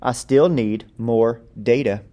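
Reading a picture book aloud, a man with a mid-pitched voice plays the storyteller, acting out the tale with lots of expression. His delivery is slow and mellow, and the recording's highs are cut off.

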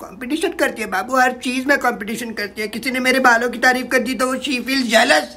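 A man's voice: steady tone, moderate pace, bright, forceful tone, heavily acted. A man playing a whiny young woman who complains about her jealous older sister, mixing English into her Hindi and calling her boyfriend "babu" again and again. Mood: complaining, upset. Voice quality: high falsetto girl voice. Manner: mixes English into Hindi, repeats "babu" often. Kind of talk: comedy sketch.

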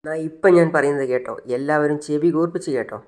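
A man's voice: a little high, fast talker, a little mellow, lightly acted. A man playing a stern, angry father who scolds his grown daughter, in a retold family serial. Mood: angry scolding.

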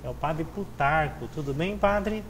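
Young priest hosting a TV interview. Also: male voice, fairly high pitch, measured pace, fairly bright tone, slight background noise, low-quality recording. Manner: friendly, formal questioning. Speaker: TV host, priest. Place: TV studio with chapel set. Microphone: lapel.

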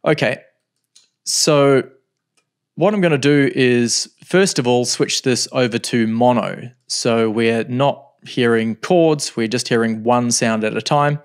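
A middle-aged man with a medium-pitched voice sits at a desk in his home studio and works through a music software tutorial. His explanations are relaxed and sequential, broken by thinking pauses.

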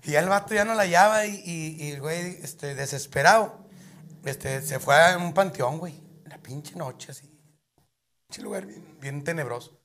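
A man's voice: a little high, moderate pace, fairly bright tone. A male comedian from Mexico with a northern Mexican accent, telling rowdy, profane jokes. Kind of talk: telling off-color jokes on a show.

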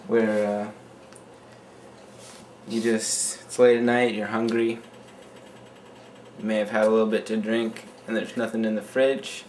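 A young man with a fairly low, darkish, level voice hosts a casual homemade cooking demo in a small kitchen at night, unhurried and leaving long pauses. He rambles offhand with lots of fillers; the close handheld camera mic yields noisy home audio.

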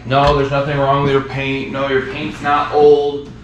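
A man's voice: mid-range voice, completely flat delivery, measured pace, lo-fi sound, noisy background. Chatty young man showing a repair job. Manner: chatty, addresses viewers as guys. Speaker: DIY video host. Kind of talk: casual how-to narration. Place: outdoors by a truck, then inside a metal walk-in cooler. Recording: roomy sound with music behind.

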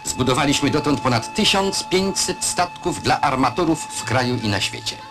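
A man narrating an old newsreel in the classic voice-over manner, proud and declamatory. His pitch swings widely through each sentence and he tosses in rhetorical questions. Music plays under the archival soundtrack throughout. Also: lively intonation, moderate pace.

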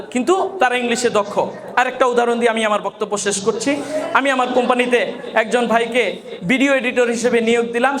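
High-voiced man giving a motivational speech. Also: fairly bright tone. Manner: asks the audience rhetorical questions. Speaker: Islamic scholar giving a farewell speech.

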